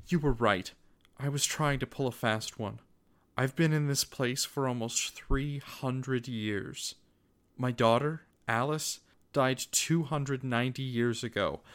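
A man's voice: mid-range voice, a bit bright, natural voice. A man playing a weary, centuries-old ferryman of souls, earnest and full of regret, in a dramatic story. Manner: earnest, confessional.

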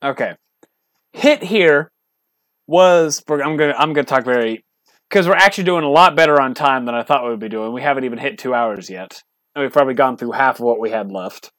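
A man's voice: mid-range voice, fairly quick, fairly bright tone, dry recording. Man leading a casual podcast ranking. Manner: leads the discussion, explains his rankings.

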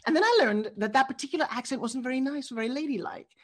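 A middle-aged woman from New York, a guest in an interview, telling stories in a quick and expressive way. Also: high-pitched. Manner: animated storyteller, quick and expressive. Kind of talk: interview conversation.

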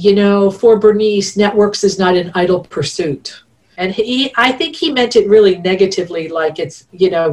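A woman's voice: medium pitch, a little mellow, distant mic. A middle-aged woman, a network researcher, talking in a reflective, chatty way with many fillers as a podcast guest over a video call. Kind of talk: casual interview talk. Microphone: remote video call.

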